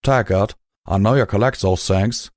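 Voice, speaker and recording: A man doing a gruff drawling pegasus stallion. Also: lowish voice, normal speed, darkish tone, no room sound, studio quality, lightly acted. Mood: gentle. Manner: folksy drawl, scolding. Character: gruff male pegasus stallion, protective and scolding.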